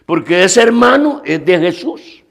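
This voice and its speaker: A male pastor delivers a sermon in a high, gravelly voice with a lot of lift and fall in his pitch. He speaks slowly and earnestly, addressing his listeners directly and often repeating phrases or restarting a line mid-thought. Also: sing-song.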